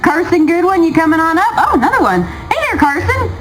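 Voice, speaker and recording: A woman's voice: very high-pitched, wildly swooping pitch, fast talker, over music, low-quality recording. A woman hosting a live contest, chatty and encouraging as she banters with contestants. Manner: chatty, encouraging, laughs often. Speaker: contest host and emcee. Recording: loud outdoor festival crowd noise.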